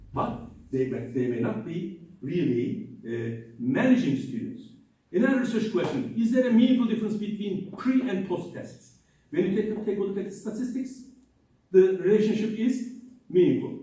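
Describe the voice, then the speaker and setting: A man's voice: high voice, mellow. Man lecturing in an echoey hall. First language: Turkish. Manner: emphatic, repeats words, sounds out examples. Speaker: conference presenter. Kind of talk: academic conference lecture. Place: conference hall. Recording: echoey hall, distant mic.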